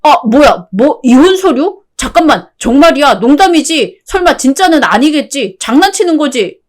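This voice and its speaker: A synthetic voice playing a careless husband, defensive, whiny, pleading questions, radio-drama style. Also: male voice, very high-pitched, big pitch swings, normal speed.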